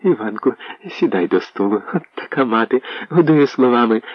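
Male narrator as fussing elderly peasant mother; slightly raised pitch, dull recording. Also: expressive, normal speed, breathy edge, no room sound. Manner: fussing, apologetic.

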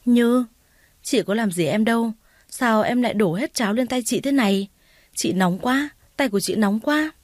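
A woman's voice: mid-range voice, moderate pace, no echo, clean studio sound, natural voice. A woman voicing a jealous, scheming young rival. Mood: fake crying. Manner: sharp, taunting, then whiny fake sobbing.

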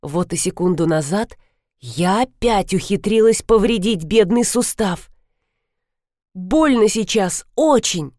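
A woman's voice: mid-range voice, lively intonation, slow pace, darkish tone, no room sound, clean studio sound. A woman narrating a first-person audiobook in a wry, conversational way.

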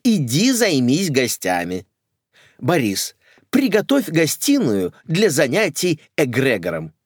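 A shrill, imperious old society lady, put on by a male audiobook reader. She barks commands in a high, lively voice. The recording is close and dry. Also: slow pace, slightly rough, no room sound, full character voice. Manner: commanding, theatrical. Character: shrill, bossy elderly society mother, woman.

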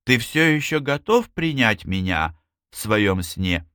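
A man reading the lines of a shy, tender young woman in an audiobook, speaking softly, almost in a whisper. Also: on the low side, very animated, slow pace, no echo, clean studio sound, heavily acted. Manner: soft, near whisper.

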